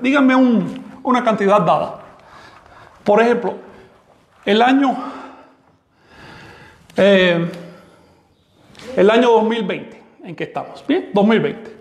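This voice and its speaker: A man teaching a math class in a high, gravelly voice. He explains step by step and keeps asking his students questions. The room sounds echoey. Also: a little mellow. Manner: explanatory, asks the class questions, slightly sarcastic asides. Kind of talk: live-streamed online class.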